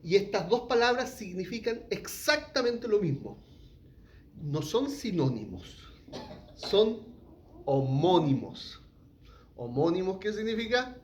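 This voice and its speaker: Man preaching, higher-pitched voice. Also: big pitch swings, slow pace, pauses often, slight background noise. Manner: asks the congregation questions, frequent "¿ya?". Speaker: pastor. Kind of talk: teaching sermon.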